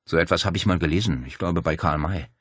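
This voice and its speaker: A man's voice: low-pitched, fast, breathy edge, no room sound, studio quality. A man voicing a cheerful young man who speaks playfully and jokes a lot. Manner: grinning, playful, joking.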